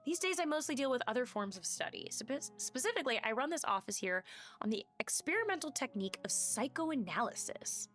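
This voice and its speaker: A woman's voice: sits high, sing-song, brisk, fairly bright tone, soft background music, voice pushed up. Woman doing a pedantic halfling scholar, male, formal, wordy, game character. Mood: lecturing. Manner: formal, precise and long-winded.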